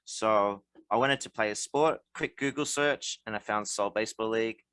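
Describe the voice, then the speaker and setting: Bright-voiced Australian man leading a podcast. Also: fairly low pitch, normal speed, clean tone, dry recording. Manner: leads the talk, asks the others questions. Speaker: podcast host. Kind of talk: casual podcast chat.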